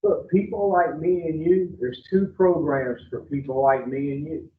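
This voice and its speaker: This man's voice sits a little high and moves at a normal speed as he bluntly questions new clients at an addiction treatment intake. His manner is confrontational and drawling. The audio sounds far-off and phone-like, in an echoey room.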